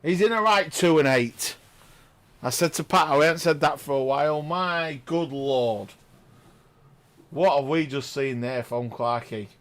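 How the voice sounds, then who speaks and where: An excitable man, doing chatty live commentary on a pool match and exclaiming loudly at big shots. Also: a little high, moderate pace. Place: pool lounge.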